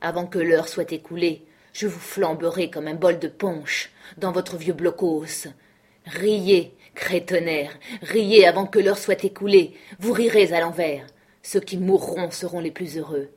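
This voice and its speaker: This is a bullying old pirate cook in an audiobook, as a woman reader puts him on. He blusters and hurls threats at full volume. The voice sits low and husky. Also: fairly even intonation, unhurried. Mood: furious. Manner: loud, blustering, swearing threats.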